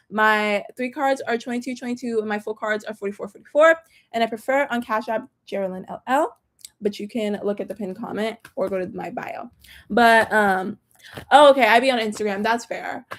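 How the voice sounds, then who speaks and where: A young woman from Texas with a slight Southern accent, chatting casually with viewers on a tarot livestream in a slangy, direct way. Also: on the high side. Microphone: phone or laptop mic.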